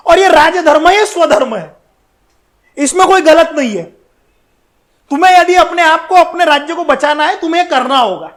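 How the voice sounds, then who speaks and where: Very high-pitched man telling history. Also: normal speed, long pauses. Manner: animated, addresses listeners directly with slangy asides. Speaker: history educator. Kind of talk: colloquial storytelling history lecture.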